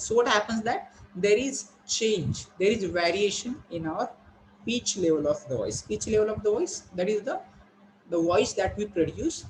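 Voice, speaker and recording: A man, teaching an online college class and explaining slowly with many fillers and repetitions. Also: high-pitched, a little hiss or hum, poor audio.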